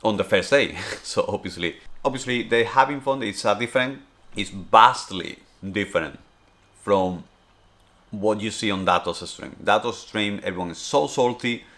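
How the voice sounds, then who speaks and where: A Spanish man in his thirties, with a deep low voice and a Spanish accent, chats loosely through a streamer's Q&A. He rambles, circles back and fills his talk with "obviously" and "you know". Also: moderate pace, a bit bright. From Spain. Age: 30s. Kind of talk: casual Q&A chat.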